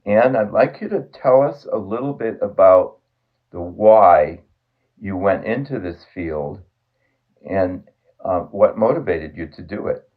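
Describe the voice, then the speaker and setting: A man interviewing a guest, telling his story in an earnest, measured way. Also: deep voice, expressive. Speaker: interviewer, financial advisor. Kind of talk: conversational interview. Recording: tinny phone line.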